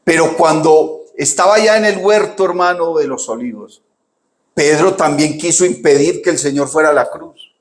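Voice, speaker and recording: Animated preacher in an echoey room. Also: male voice, on the high side, moderate pace. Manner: animated preaching, rhetorical questions, often says "hermano". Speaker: pastor. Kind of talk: sermon.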